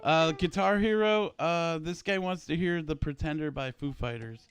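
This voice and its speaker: A young man with a slightly high voice hosts a livestream, reading viewer messages aloud in an easy, relaxed way. A guitar rings out clearly behind him. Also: normal speed, no echo. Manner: relaxed, reads chat aloud. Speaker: livestream host. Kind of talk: casual chat with viewers. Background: guitar playing.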